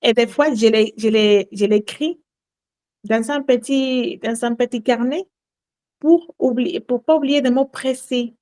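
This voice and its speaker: A woman's voice: fairly high pitch, a little slow, dark tone. A woman from Latin America, a native Spanish speaker with a Spanish accent, earnestly leading a casual sales training session and often repeating herself. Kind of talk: casual group training call.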